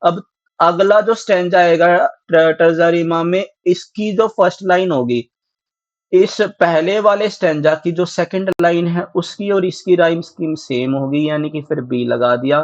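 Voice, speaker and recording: High-voiced Haryanvi man teaching. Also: a little slow, no room sound. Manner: repeats questions to students and answers them himself; mixes English terms into Hindi. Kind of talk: exam-prep lecture. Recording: dry, slightly dull sound.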